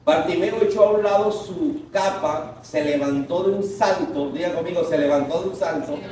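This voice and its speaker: A high-voiced man delivers a sermon from a distance. His words ring out through a very echoey church hall. He leads the congregation in call-and-response and lets some lines burst into shouts. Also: moderate pace. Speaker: pastor. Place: large echoing church hall.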